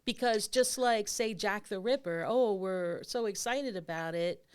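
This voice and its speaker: A woman hosts a casual discussion. Her voice is smooth and clear, and she talks in long, rambling, animated questions. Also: medium pitch, a little slow. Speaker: host.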